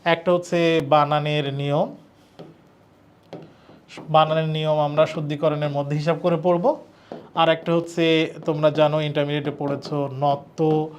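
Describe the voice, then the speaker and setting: A man's voice: fairly high pitch, level tone, normal speed, long pauses, darkish tone, slight background noise. A man teaching an admission-test lecture, explaining answers step by step, spelling words out letter by letter and talking straight to his students. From Bangladesh. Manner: addresses students directly, informal colloquial turns. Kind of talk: lecture solving exam questions.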